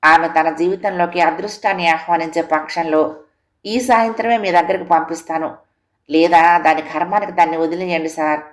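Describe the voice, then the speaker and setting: A grateful working man bows and thanks his patron in an audio story, deferential and effusive in his speech, as a woman narrator reads him. The voice is lowish and unforced. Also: steady tone, moderate pace, natural voice. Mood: grateful humble. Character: humble male extras supplier, grateful and deferential.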